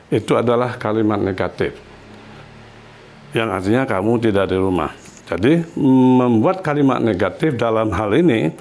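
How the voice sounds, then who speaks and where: A man teaching a Spanish lesson in a classroom. He explains slowly and patiently and repeats each example. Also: fairly low pitch, darkish tone.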